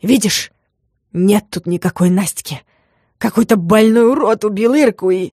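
A woman's voice: medium pitch, moderate pace, dry recording, clean studio sound, close to an everyday voice. A woman doing an angry hysterical young man. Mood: furious. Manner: loud, bitter and shouting.

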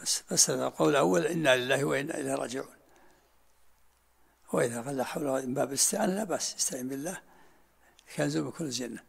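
A man's voice: medium pitch, very fast, creaky, long pauses, slightly rough. An older man teaching a religious lesson in short, repeated phrases and answering students' questions.

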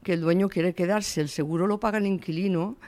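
In a fairly quick, lowish, dark voice with fairly even intonation, this Valencian shopkeeper in her sixties responds to interview questions with earnest emphasis, often quoting herself. The recording has no room sound.

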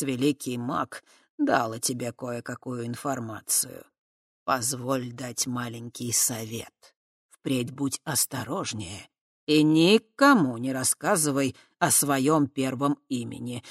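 A reader voicing a calm, kindly fat horned man who speaks softly and deliberately. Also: medium pitch, dry recording, clean studio sound. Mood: gentle. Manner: slow, soft, measured. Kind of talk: audiobook character voice.

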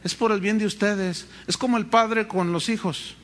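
A man preaching a sermon as pastor, telling animated stories and acting out voices. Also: high voice, normal speed. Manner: animated storytelling, acts out voices.

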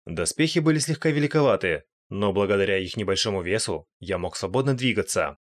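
A man's voice: fairly low pitch, animated, a little fast. A man reading a first-person fantasy story aloud in a wry, matter-of-fact way. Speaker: audiobook narrator.

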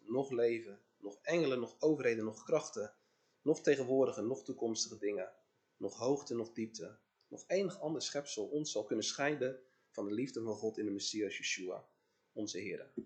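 A man giving a solemn scripture reading in a congregation, measured and deliberate, lifting his voice on key phrases. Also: medium pitch, darkish tone.

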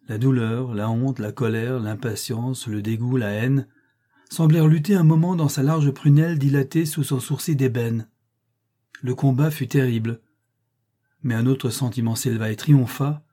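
A man narrating a classic novel as an audiobook, with a measured, even reading. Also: medium pitch.

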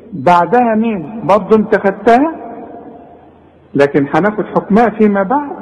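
A man with an Egyptian Arabic accent teaching tajweed, drawing out words slowly to demonstrate and chiding the student. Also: high voice, darkish tone, in a large hall, muffled recording. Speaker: Quran recitation teacher. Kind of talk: tajweed lesson.

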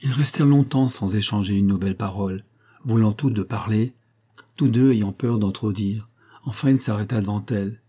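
Male audiobook narrator, scripted literary narration, measured, husky, dark tone. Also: fairly low pitch.

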